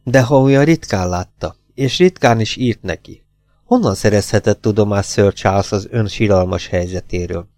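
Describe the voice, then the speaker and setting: A man narrating an audiobook in a measured, composed way, asking pointed questions. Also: on the low side, a little mellow, no room sound. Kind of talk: audiobook reading.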